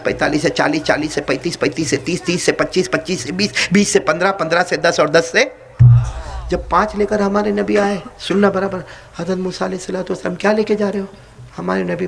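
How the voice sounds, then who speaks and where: Hyderabadi Urdu preacher, gravelly, higher voice, teasing call-and-response sermon at a gathering. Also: male voice. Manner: jokey, quizzes and teases the audience. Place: religious gathering.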